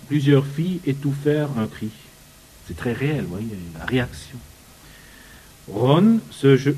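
A man reading book passages aloud and commenting on them, often halting to search for words. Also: medium pitch, dark tone, slight background noise, low-quality recording.

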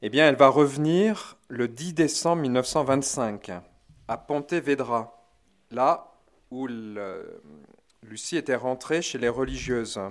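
A man's voice: mid-range voice, unhurried. A man giving a religious talk, retelling events dramatically with chuckling asides to his listeners.

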